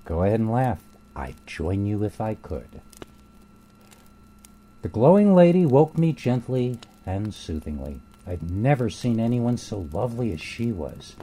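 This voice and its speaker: A man narrating a first-person horror story in a slow, grave, deliberate way. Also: lowish voice, big pitch swings, dark tone.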